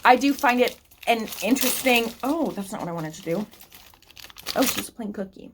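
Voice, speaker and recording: A woman's voice: on the high side, expressive, moderate pace, noisy background. A woman book vlogger chatting casually to camera and thinking aloud with restarts, eating snacks between sentences. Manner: eating snacks while talking.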